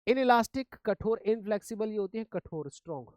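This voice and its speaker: A man's voice: high-pitched, animated, fairly quick, no room sound. Hindi-English mixing male teacher, dry sound. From India. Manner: explains in Hindi with English words, repeats words with memory tricks. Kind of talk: vocabulary lesson.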